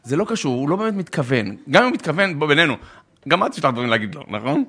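A man giving theatrical, animated advice on marriage, acting out arguments and calling listeners brother. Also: a little high. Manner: theatrical, acts out both sides of arguments, bursts into shouts; addresses listeners warmly as brother. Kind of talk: animated religious talk on relationships.

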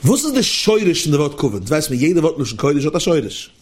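Lively man preaching with lilt. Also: on the high side, fast, slight background noise. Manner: lively, questioning, sing-song delivery. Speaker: religious teacher. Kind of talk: sermon to listeners.

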